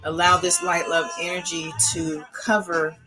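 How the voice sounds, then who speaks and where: A woman guiding a breathing meditation in a calm, meditative, slow and deliberate way. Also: lowish voice, over music, low-quality recording. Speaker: host of an online spiritual channel.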